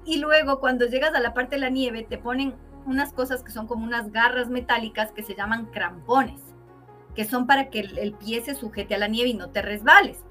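Brief: woman, interview guest, high bright voice, lively storyteller, soft music underneath. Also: moderate pace. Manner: animated, acts out quoted voices with exclamations.

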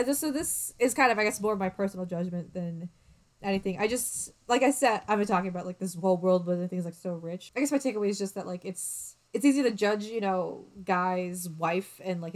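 A woman's voice: fairly low pitch, fairly quick. Chatty, agreeable young woman co-host. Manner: chatty, agreeable, laughs often. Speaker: podcast co-host. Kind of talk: casual book-club chat. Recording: remote call audio.

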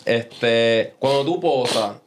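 Puerto Rican man hosting, mid voice. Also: mid-range voice. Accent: Puerto Rican Spanish. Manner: quick agreeing backchannels. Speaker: podcast host. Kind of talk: casual podcast conversation.

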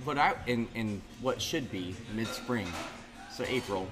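In a rough recording over loud music, a man with an expressive mid-range voice speaks a little slowly. The Central California podcast guest, in his thirties, rambles through casual conversation in a bar.

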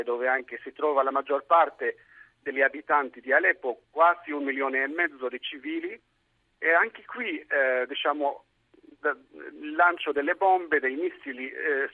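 A man who is a Franciscan friar, speaking earnestly over a phone line in a live radio interview, measured and full of small hesitations. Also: on the high side, dry recording. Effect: heard over a phone line. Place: his home city, by phone.

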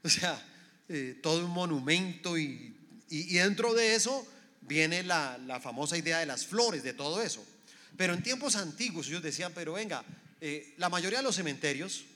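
A man's voice: a little high, pushed and bright, big-room sound. A man preaching a sermon, firing off rhetorical questions at the congregation and acting out the voices of the people in his stories. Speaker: pastor.

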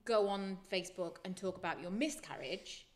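A woman's voice: mid-range voice, moderate pace. Frank woman podcast co-host. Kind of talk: casual chat.

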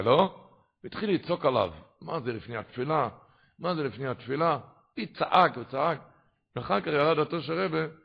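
Gravelly man giving a storytelling sermon. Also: mid-range voice. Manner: rises to loud animated retelling in stories. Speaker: rabbi. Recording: dull lo-fi recording.

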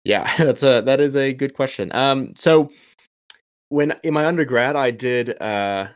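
This doctoral student, appearing as a podcast guest, has a mid-range, smooth voice and keeps a measured pace. He muses aloud in a relaxed interview, stopping to restart and filling gaps with ums. The sound is dry and studio-clean.

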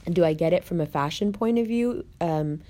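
A woman hosting a casual online video, chatting to viewers with rolled R's and deliberate pauses in an opinionated, conversational way. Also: lowish voice, dark tone. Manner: rolls her R's. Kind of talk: casual chat, talking to viewers.

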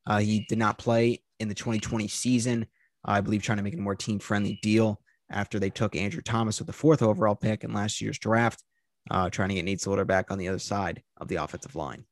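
A man's voice: on the low side, fairly even intonation, brisk, no room sound. A man hosting a sports talk show, running through news items and steering the talk. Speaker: host.

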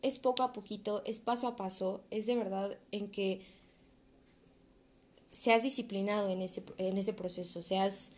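A woman's voice: mid-range voice, fairly even intonation, measured pace, a little hiss or hum. A young adult woman with a Mexican accent, talking in an earnest, encouraging, casual way in a reflective vlog monologue. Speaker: vlogger.

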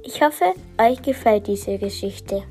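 A woman telling a children's story aloud in a gentle, unhurried way, with small restarts as she goes. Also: medium pitch, over music.

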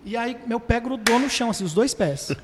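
A man's voice: very high-pitched, animated, brisk, noisy background. A young man co-hosting a podcast, telling a story in a casual, slangy way with laughs. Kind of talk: casual chat. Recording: long hall reverb.

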